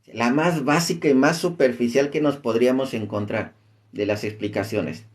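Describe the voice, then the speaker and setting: A man's voice: medium pitch, normal speed. A man giving informal Bible teaching. He reads scripture aloud and looks up verses as he talks. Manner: reads scripture aloud, searches for verses mid-talk, uses "este" as filler.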